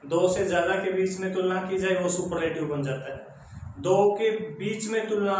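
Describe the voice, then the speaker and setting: A man teaching an English grammar lesson who explains slowly and repeats words for his students. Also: high voice. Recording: very echoey room, faint background noise.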